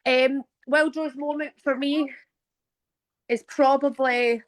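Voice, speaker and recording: A guest actress from Glasgow, Scotland, in her thirties, tells a story during a casual interview, chatty and restarting often. Her voice sits high, steady and slow.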